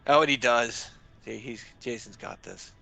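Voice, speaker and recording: A man's voice: mid-range voice, fairly even intonation, normal speed, creaky, bright, forceful tone, faint music behind. A man giving casual live sports commentary, with joking banter and frequent chuckles.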